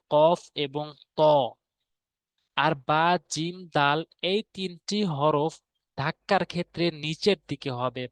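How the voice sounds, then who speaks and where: A man's voice: a little high, dry recording. A man teaching Quran recitation rules in an online lesson. He speaks patiently and says each sound example several times. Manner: speaks to viewers as brothers and sisters.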